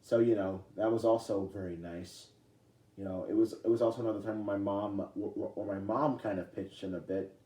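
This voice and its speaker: A young man vlogging in a casual, rambling way, halting often with fillers and restarts. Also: on the low side, fairly even intonation, dark tone. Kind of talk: casual talk to camera. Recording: echoey room, distant from mic.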